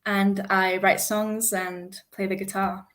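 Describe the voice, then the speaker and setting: A woman's voice: medium pitch, little pitch movement, takes it slowly, a bit bright. A young woman, a singer-songwriter, answering interview questions in a modest, easygoing way. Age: young adult. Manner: modest, easygoing, laughs lightly.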